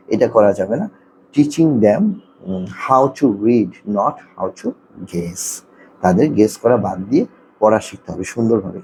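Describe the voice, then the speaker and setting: A man, an occupational therapist, explaining a topic to parents, repeating his points, often checking in with listeners, and sounding out letters slowly. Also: fairly low pitch, creaky, dark tone, a little hiss or hum, rough recording.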